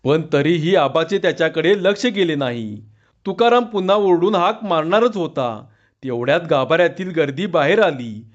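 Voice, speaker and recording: A man reading a story aloud, narrating in a measured, expressive way. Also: fairly high pitch, highs cut off.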